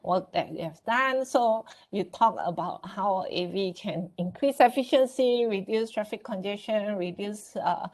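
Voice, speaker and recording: A woman moderating an online webinar over a video call, thanking speakers and handing over with brisk, courteous transitions. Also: mid-range voice, a little mellow.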